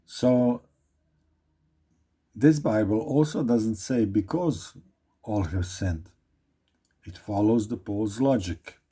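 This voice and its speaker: A man with a Croatian accent, a native Croatian speaker, teaches an informal Bible study, reading verses and repeating phrases to explain them. He speaks slowly with frequent pauses, in a lowish, dark, husky voice.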